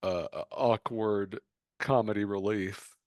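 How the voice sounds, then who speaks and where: A man's voice: on the low side, fairly even intonation, slow, no room sound. A man co-hosting a podcast in casual chat, dropping dry, wry asides. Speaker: podcast co-host.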